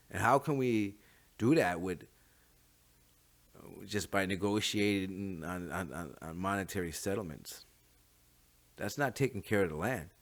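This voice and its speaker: Low-voiced man, First Nations Canadian accent. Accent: First Nations Canadian English. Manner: informal, halting, repeats words as he thinks aloud. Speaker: talk show host. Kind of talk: unscripted opinion monologue.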